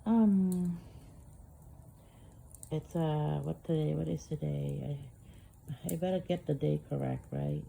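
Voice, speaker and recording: A woman who has just woken up, talking through a rambling, hesitant morning vlog from her living room couch, with lots of fillers and soft chuckles. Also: sits low, takes it slowly, creaky, long pauses, slight background noise, rough recording. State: groggy, just woke up. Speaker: vlogger.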